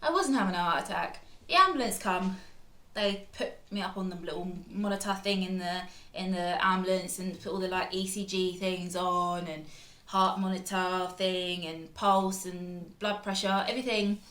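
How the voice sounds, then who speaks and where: A woman's voice: fairly low pitch, moderate pace, pushed and bright, reverberant. A young woman with a British accent telling a dramatic storytime vlog, chatty and full of fillers. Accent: British English. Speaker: vlogger.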